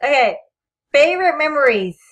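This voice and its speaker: A teenage girl runs a best friend tag with her friend. Her voice sits high and swings all over, and she teases and giggles as she moves through the questions. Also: sing-song, moderate pace, fairly bright tone. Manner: giggly, teasing, reads questions off a paper. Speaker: channel host.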